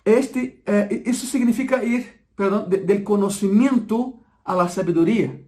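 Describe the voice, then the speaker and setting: A man preaching a sermon, emphatic and repeating key phrases slowly so the congregation absorbs them. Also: high-pitched, dark tone.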